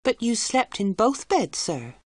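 Polite young servant girl, higher voice, slow, dry close sound, read by a woman. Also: big pitch swings, a little mellow, slightly rough, no room sound, full character voice.

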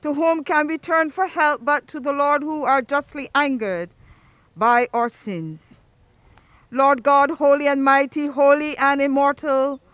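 A woman officiating a burial at a graveside outdoors, reading the funeral liturgy in a measured, solemn recitation. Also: sits high, fairly bright tone, dry recording.

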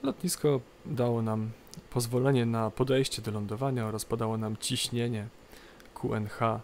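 A man with a gravelly edge narrates a game tutorial off the cuff. He explains haltingly, repeating phrases, over faint noisy cockpit ambience. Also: medium pitch, fairly even intonation. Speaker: tutorial presenter. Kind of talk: unscripted game tutorial commentary. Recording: light background noise, game cockpit ambience. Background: flight simulator cockpit ambience.

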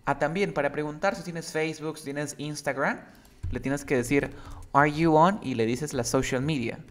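A man's voice: a little high, fairly even intonation, moderate pace. Man teaching English in Spanish. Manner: explains patiently, switches between Spanish and English, acts out example sentences. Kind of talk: bilingual English lesson.

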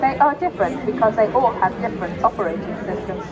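Synthetic female humanoid robot, mid-pitched, formal and measured, recorded on a noisy expo floor. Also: lively intonation. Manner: formal, measured phrasing without contractions. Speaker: interviewee. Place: busy tech expo hall. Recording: loud crowd and music behind.

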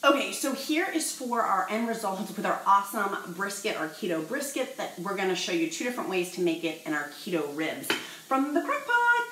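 Soft music plays behind a woman vlogging from her home dining room, her medium-pitched voice sing-song, a little fast and fairly bright. She's chatty, bubbly and jokey with the camera in this cooking vlog, addressing viewers as y'all, and the recording sounds roomy and rough.

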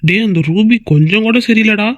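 Guy doing a teasing cartoon pal, highish voice, razzes his buddy bluntly, muffled dry sound. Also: fairly quick, no room sound, lightly acted. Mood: ribbing. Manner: ribbing, scolding friend. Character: young male buddy, mocking and blunt. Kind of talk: cartoon skit voice acting.

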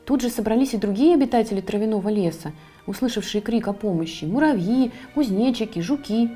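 A woman, the author, reading her own fairy tale for children, with a calm, expressive delivery. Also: fairly high pitch, brisk, soft background music. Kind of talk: storybook narration for children.

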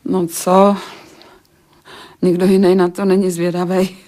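A woman's voice: on the low side, level tone, dark tone, natural voice. An actress in a radio play voicing a sceptical woman who teases and bargains in a dry, colloquial way. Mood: sardonic. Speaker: actor in radio drama. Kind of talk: Czech radio play acting.

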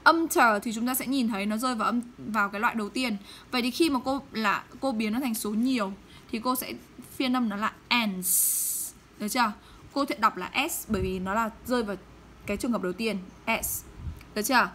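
Woman teacher going over english word endings, bright slightly high voice, keeps checking in with students, faint background hiss. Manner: checks often with questions to students; models English words slowly. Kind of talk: pronunciation lesson.

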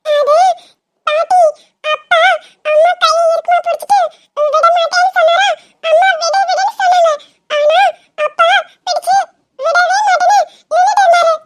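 Cartoon little girl, very high and tearful, insistent, voiced by a woman. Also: fairly even intonation, moderate pace, long pauses, heavy background noise. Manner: high, earnest child's pleading.

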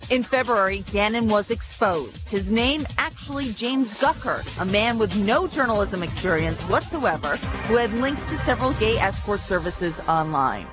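A woman's voice: mid-range voice, lively intonation, moderate pace, hardly any pauses, music in the background. A woman in her thirties presenting scripted television news as a co-host. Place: TV studio.

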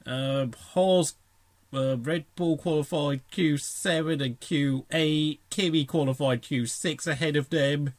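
A man's voice: fairly high pitch, steady tone, slow, no room sound. A man hosting an informal motorsport report with a sardonic way of talking. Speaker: host of a racing channel.

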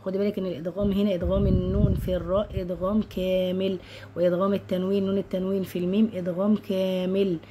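A woman with an Egyptian accent teaching tajweed, chanting verses slowly and melodically, then explaining quickly and repeating sounds to correct them. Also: mid-range voice, little pitch movement, background noise. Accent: Egyptian Arabic. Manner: drawn-out melodic recitation between quick explanations. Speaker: Quran recitation teacher. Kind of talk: tajweed lesson with slow recitation.

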